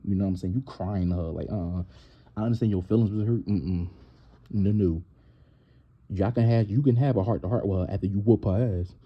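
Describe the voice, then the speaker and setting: A man's voice: on the low side, fairly quick, lo-fi sound. A man hosting a casual reality TV recap, blunt and opinionated, livening up when he quotes people.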